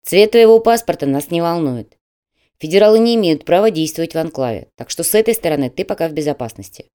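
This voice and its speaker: A woman's voice: fairly low pitch, animated, warm tone, smooth, lightly acted. A woman doing a stern official manager. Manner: brisk, official, mocking. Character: stern middle-aged male admissions manager.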